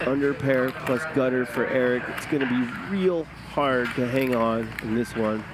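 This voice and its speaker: A man commentates a poker game in a hushed, low-key way. His voice sits at a middle pitch, with very loud background noise all around it. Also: moderate pace. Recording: very noisy background ambience.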